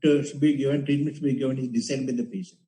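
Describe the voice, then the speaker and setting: A male doctor on a panel, speaking haltingly and repeating himself while his video call audio breaks up and freezes. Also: mid-range voice, steady tone, mellow. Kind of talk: panel discussion. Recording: echoey, distant video call line.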